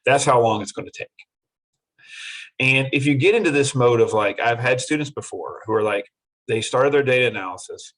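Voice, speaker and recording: Middle-aged guy lecturing his class, kinda husky, earnest and repeats himself a lot. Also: mid-range voice, brisk, fairly bright tone, poor audio. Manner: earnest, repetitive, acts out students in quotes. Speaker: university lecturer.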